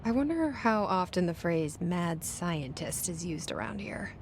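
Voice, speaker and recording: A woman with a low, gravelly, animated voice speaks at a measured pace, with a bit of hiss or hum in the audio. She's an actress voicing a guarded, determined young woman in a video game, delivering naturalistic lines and inner monologue in a dry, reserved mood.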